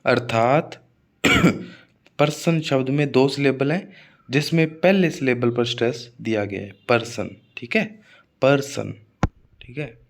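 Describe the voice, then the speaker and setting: Man, Hindi-speaking English teacher, exam-prep lesson, slow drawn-out example words, frequent check-ins, mid pitch, occasional cough.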